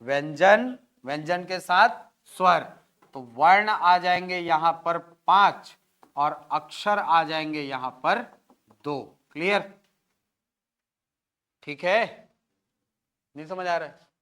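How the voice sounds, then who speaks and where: A man's voice: a little high, takes it slowly, pauses often, fairly bright tone. A male teacher giving a classroom lecture, sounding out syllables one by one at the board and often checking whether his students follow, with a Chhattisgarhi Hindi accent.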